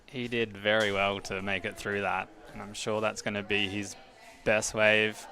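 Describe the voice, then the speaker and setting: A man's voice: fairly low pitch, flat delivery, normal speed, sharp tone. A man giving live analysis as co-commentator at a surfing contest.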